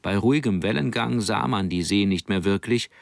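A man calmly reading an audiobook as narrator. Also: lowish voice, moderate pace, creaky, no echo, studio quality.

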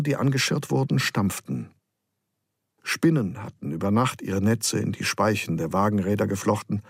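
Gravelly low-voiced male storyteller. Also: no echo, clean studio sound. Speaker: audiobook narrator. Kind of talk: scripted narration.

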